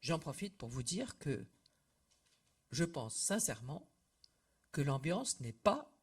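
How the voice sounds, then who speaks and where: A woman's voice: low-pitched, sing-song, slow, husky. An older woman addressing association members in a casual, conversational way, with many fillers and trailing phrase ends. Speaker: association representative. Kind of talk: informal talk to members. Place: meeting room with audience.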